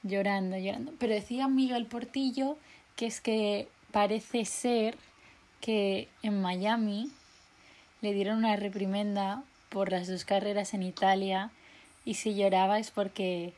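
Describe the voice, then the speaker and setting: A woman's voice: mid-range voice, a little slow. Chatty young woman podcaster. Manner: chatty and excitable, laughs often. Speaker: podcast co-host. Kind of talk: casual chat.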